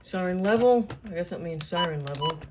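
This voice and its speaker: A woman hosts a loose, unscripted gadget unboxing video, muttering and thinking aloud as she works. Her lowish voice is fairly quick with lively intonation, and the recording is noisy with clicks.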